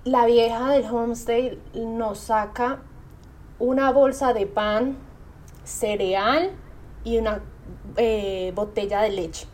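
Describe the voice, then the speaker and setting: A young adult woman with a Colombian accent, co-hosting a casual podcast and telling stories in an animated way. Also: on the high side, takes it slowly, slight background noise. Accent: Colombian Spanish. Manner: chatty storyteller, animated. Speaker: podcast co-host.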